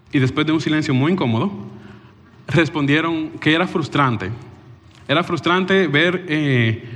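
A man delivers a sermon to a church congregation, his voice sitting a little high for a man. He preaches with lively, dramatic energy and often acts out back-and-forth dialogue. A long reverb from the large hall trails behind every phrase.

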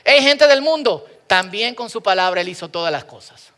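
A man with a very high, bright voice preaches with jokes and exclamations. He reads scripture to a live congregation. His voice rings out with a long reverb through the church sanctuary. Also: normal speed. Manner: lively, joking, exclamatory preaching. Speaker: pastor. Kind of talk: sermon with scripture reading.

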